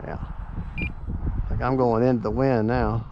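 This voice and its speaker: Flying a model plane outdoors at an open model airfield, an RC pilot and vlogger keeps up a casual, rambling, folksy running commentary and repeats himself along the way. His voice is medium-pitched with little pitch movement, and his pace is measured. The recording sounds muffled, with loud wind noise.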